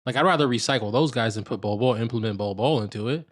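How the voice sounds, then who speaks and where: A man's voice: mid-range voice, fast. A man co-hosting a podcast, bantering casually in a laid-back, teasing, slangy way. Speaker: podcast co-host. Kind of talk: casual banter about fashion and basketball.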